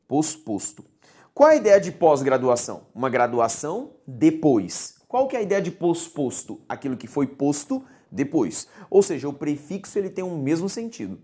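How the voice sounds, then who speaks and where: A woman with a low, mellow voice teaches a recorded grammar lesson. She explains patiently, repeating key words and pausing to check that her students follow. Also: very animated, slightly rough.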